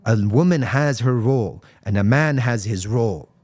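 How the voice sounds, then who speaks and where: A man's voice: medium pitch, lively intonation, moderate pace, darkish tone. A man giving an impassioned live-stream talk on faith, answering viewers' comments and mixing English with Arabic phrases and rhetorical questions. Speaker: Islamic speaker.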